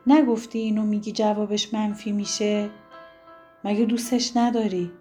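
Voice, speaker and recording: A woman's voice: a little high, steady tone, mellow, soft background music, close to an everyday voice. A woman voicing a worried middle-aged mother in an audiobook who pleads and scolds her son. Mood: reproachful.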